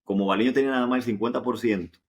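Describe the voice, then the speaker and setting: A professional football goalkeeper from the Dominican Republic tells anecdotes casually as an interview guest. His medium-pitched voice races along in a Dominican Caribbean Spanish accent. He repeats himself and throws in rhetorical questions.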